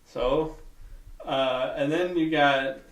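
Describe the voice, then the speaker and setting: A man's voice: fairly high pitch, extremely slow. A man co-hosting a casual sports podcast, talking in a laid-back, hesitant way. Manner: laid-back, hesitant, drifts into joking cartoon voices. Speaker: podcast co-host. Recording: echoey room, distant from mic.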